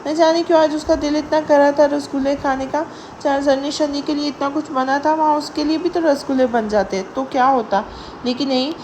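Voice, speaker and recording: A woman narrating a romantic audio novel in an even storytelling delivery. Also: high-pitched, a little hiss or hum.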